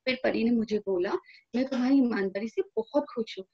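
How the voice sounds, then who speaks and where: A woman's voice: a little high, fairly quick, breathy edge, dull audio. A woman voicing an honest, hardworking young male woodcutter, who tells his story in an earnest, plain way.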